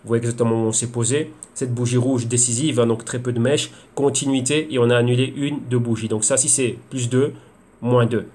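Male chart analyst, rapid-fire delivery, monotone, lots of rhetorical questions. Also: medium pitch. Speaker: crypto trading analyst. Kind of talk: screen-share chart analysis.

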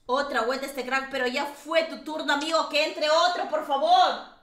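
A woman's voice: sits high, steady tone, normal speed, a bit bright, echoey room. A woman hosting a casual game live stream, chatty and teasing, laughing often.

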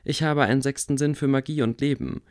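A man reading aloud, voicing a calm, wry blind boy wizard who speaks quietly. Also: mid-range voice, a little fast, natural voice. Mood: earnest. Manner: quiet, level.

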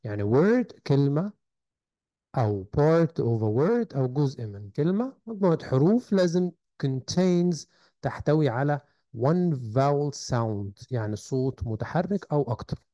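A man with an Egyptian Arabic accent walks through a recorded textbook lesson, stretching out words and sounds so learners can follow. His voice is mellow and unhurried, and it is recorded dry and close with no room echo. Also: fairly high pitch, very animated. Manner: slow, drawn-out teaching, spelling out sounds and words carefully. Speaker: English teacher.

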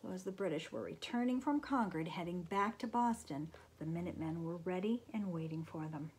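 A woman reading a children's book aloud, expressive, often dropping into a hushed whisper. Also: fairly low pitch, a little fast, a little hiss or hum. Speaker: storybook reader.

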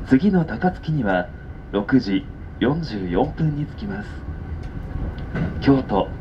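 A male train conductor with a Japanese accent gives formal onboard announcements in clipped, measured segments. His pace is unhurried, and he comes through a dull public-address speaker with loud train noise all around. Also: mid-range voice. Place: inside a moving express train, over the speakers. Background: loud train running noise.

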